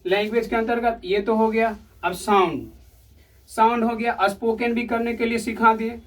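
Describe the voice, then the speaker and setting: A man's voice: very high-pitched, level tone, normal speed. A man teaching English sounds to a class, repeating words and asking the pupils questions again and again. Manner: repetitive, quizzing the class with questions. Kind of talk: classroom lesson. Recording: voice heard from a distance.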